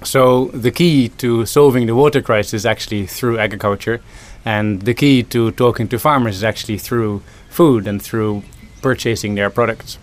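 A man's voice: mid-range voice, fairly even intonation, moderate pace, hardly any pauses. A man from the Netherlands, a food system consultant answering interview questions thoughtfully, with many ums and restarts.

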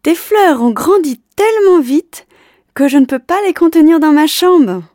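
A high-pitched little boy shouting from a window, as a woman reading a storybook puts him on. His calls come out loud and strained, yet the voice keeps a mellow, dark grain. The recording is close and dry. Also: expressive, a little slow, dry recording. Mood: excited. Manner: high-pitched, calling out loudly. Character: young sick boy in a wheelchair, skeptical then joyful.

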